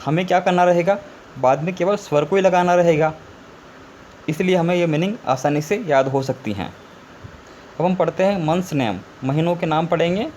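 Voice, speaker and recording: A man's voice: fairly high pitch, normal speed, darkish tone. A male teacher giving a spelling lesson, spelling words out letter by letter and repeating them. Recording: faint background noise.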